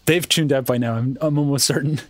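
A man's voice: mid-range voice, steady tone, brisk. A man chatting casually as a podcast guest, pronouncing his R's as W. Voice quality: cannot pronounce R, says w for r. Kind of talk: casual chat.

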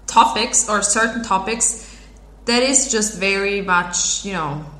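A young adult woman in casual chat, talking loosely with pauses and restarts and some swearing. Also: medium pitch, pushed and bright. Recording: echoey room, faint background noise.

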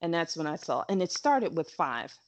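A woman co-hosting a casual chat podcast over a call, animated and quick with asides, laughing often. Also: deep voice. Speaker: podcast co-host.

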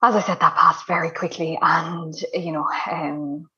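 A woman's voice: sits low, steady tone, a little slow, pushed and bright, lo-fi sound. A woman with a west of Ireland accent telling her own story casually as an interview guest, chatty and emphatic, repeating words to stress them.

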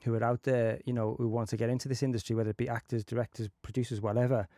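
A man's voice: medium pitch, flat delivery, racing, mellow, dry recording, studio quality. A man hosting a podcast in casual chat, easygoing, with many fillers and agreeing "yeah"s. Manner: easygoing, lots of "you know" and "yeah". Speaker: podcast host.

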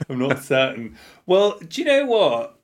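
A man's voice: fairly high pitch, wildly swooping pitch, measured pace, dry recording. A man hosting a podcast in a casual, conversational way, musing and inquisitive. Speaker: podcast host.

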